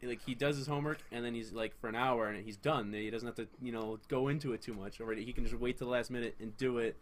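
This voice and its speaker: Fast-talking young man, rambling storyteller. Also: medium pitch, fairly even intonation, slight background noise. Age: young adult. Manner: rambling, self-deprecating storyteller. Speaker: guest. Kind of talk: casual chat.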